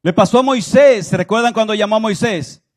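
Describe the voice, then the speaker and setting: Fervent, higher-voiced man preaching. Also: brisk. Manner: swings from loud exclaiming to soft confiding; acts out biblical voices in his telling. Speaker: pastor. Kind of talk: sermon.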